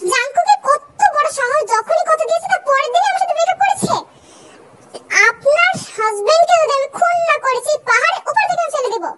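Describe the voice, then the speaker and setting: A woman voicing a dramatic, jilted young ex-girlfriend who talks loudly and keeps repeating herself over the phone, in a comic fan dub. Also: extremely high pitch, expressive, brisk, a little hiss or hum, pitched above the performer's own voice. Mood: whiny. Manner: loud, whiny, repeats herself.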